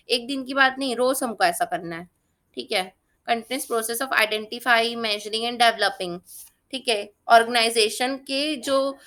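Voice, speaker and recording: A woman's voice: fairly high pitch, bright, forceful tone. A woman tutor giving a casual spoken lesson, chatty and often checking that her students are following. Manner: chatty, keeps checking "theek hai?" and uses everyday examples. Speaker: exam-prep tutor.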